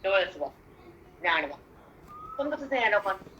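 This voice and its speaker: An older woman with a Marathi accent giving a devotional discourse on scripture, slowly chanting verses and then explaining them in lively spoken asides. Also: mid-range voice, highs cut off. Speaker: spiritual teacher expounding scripture.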